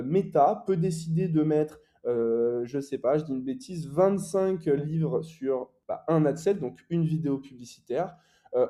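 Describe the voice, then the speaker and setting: A man's voice: on the high side, warm tone. A young man teaching online advertising in a casual, explanatory way, with frequent fillers and self-corrections. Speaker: e-commerce ads coach.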